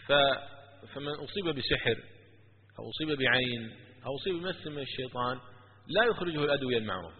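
Fast-talking preacher in a reverberant hall. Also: male voice, mid-range voice, husky. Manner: animated, with stories and rising emphasis. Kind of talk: religious lecture. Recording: tinny lo-fi with long hall echo.

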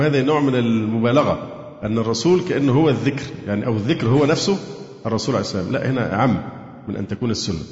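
Male teacher, explains and asks then answers, muffled recording with long reverb. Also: medium pitch. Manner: asks and answers own questions, sometimes chants verses. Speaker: Quran teacher. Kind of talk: tafsir lesson with grammar analysis. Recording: echoey hall, dull lo-fi sound.

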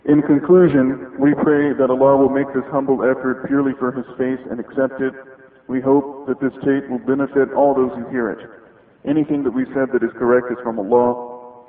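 Male religious reader, formal and measured delivery with Arabic phrases, thin phone-like cassette sound in an echoing room. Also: mid-range voice. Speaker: reader of religious rulings on a taped lecture. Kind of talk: scripted religious reading. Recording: muffled phone-like old cassette tape, echoey reverberant room.

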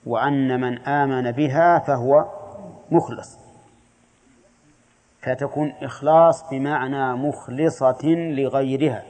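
A man's voice: mid-range voice, darkish tone. Man teaching a religious lesson, hall echo. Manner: explains step by step, asks students questions and answers them. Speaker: Islamic scholar teaching a creed text.

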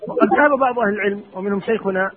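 Husky, fast-talking teacher in an echoing hall. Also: male voice, high voice. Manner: reads a line of text, then explains it with questions to students. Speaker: Islamic jurisprudence teacher. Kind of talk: explaining a fiqh text. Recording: tinny phone-like audio with long hall reverb.

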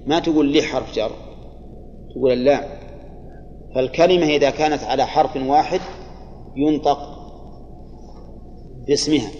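A man teaching a grammar class, reciting examples slowly and deliberately and breaking off to quiz his listeners. His voice is dark and mellow. The recording is dull and lo-fi, with a long hall reverb and a faint hiss behind him. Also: medium pitch. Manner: slow, deliberate recitation of examples, quizzing students.

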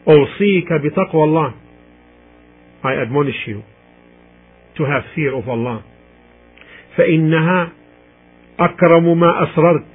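A man lectures on religion through a narrow, tinny, radio-like channel. His voice is husky and his phrasing is deliberate, with pauses as he recites and then translates phrase by phrase. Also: fairly high pitch, soft background music. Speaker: Islamic lecturer. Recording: muffled, tinny radio-like sound.

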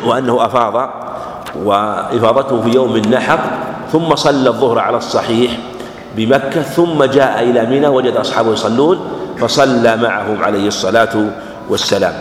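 A man giving a religious lesson, speaking in a measured way and repeating phrases for emphasis. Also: mid-range voice, a little hiss or hum. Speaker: Islamic scholar teaching a hadith class. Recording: echoey hall with faint ambience.

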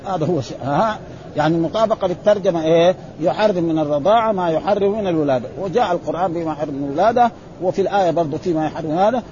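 In a rapid-fire delivery and a slightly high, warm voice, a man who teaches religion works through classical texts, adding colloquial explanations, frequent "ha" fillers and self-corrections. The recording is lo-fi and slightly dull.

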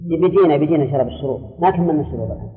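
A man lectures on Islamic law, answering students and repeating his key terms as he explains. His voice sits a little high. The sound is thin and phone-like, with a long echo from a large hall. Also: rapid-fire, faint music behind. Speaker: religious scholar teaching a class.

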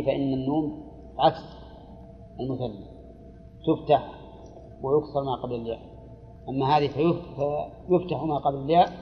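Male teacher giving a grammar class, deliberate and repetitive, dull recording with a long echo. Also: mid-range voice. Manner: deliberate, repeats phrases slowly, questions students. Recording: dull lo-fi recording with long hall reverb and faint noise.

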